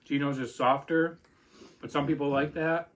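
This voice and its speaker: A man co-hosting a casual pizza podcast, giving relaxed, easygoing remarks. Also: fairly high pitch, moderate pace. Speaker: podcast co-host.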